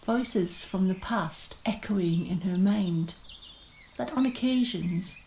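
A woman narrating a story in a measured, expressive reading style. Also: medium pitch, slight background noise. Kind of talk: scripted storytelling.

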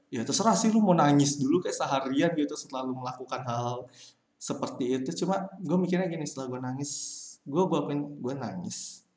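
A man's voice: mid-range voice, a little mellow. A young man talking through a casual solo podcast, giving rambling, slangy advice full of fillers. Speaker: podcast host. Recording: roomy echo.

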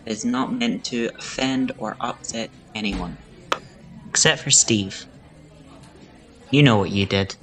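A podcast host running an improvised comedy interview in the guise of a café server. The delivery is deadpan and teasing. The pitch sits mid-range. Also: a little slow, long pauses, a little hiss or hum, poor audio.

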